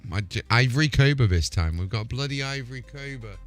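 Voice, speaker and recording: With a mid-range voice, lively intonation, and a brisk pace, a man runs a gaming livestream, chatting in a loose, informal, meandering style over background music.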